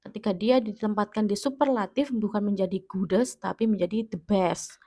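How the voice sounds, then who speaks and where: A woman's voice: mid-range voice, steady tone, normal speed, mellow. Patient Indonesian woman teaching grammar. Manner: patient, explains step by step, checks understanding. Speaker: English teacher. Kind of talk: classroom-style grammar lesson.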